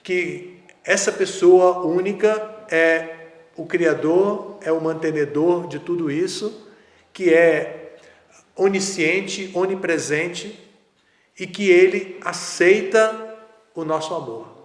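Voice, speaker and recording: A man giving a spiritual lecture in a measured, conversational way with casual asides. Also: high voice. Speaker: spiritual teacher. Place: lecture hall. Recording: echoey hall, roomy reverb.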